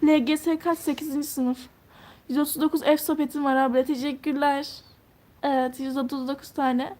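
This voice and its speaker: Teen girl livestreaming, high voice, chatty, answers comments one after another. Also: flat delivery, fairly quick. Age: teens. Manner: thinks out loud while touring a game house. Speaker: live streamer. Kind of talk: casual live-stream chat reading comments.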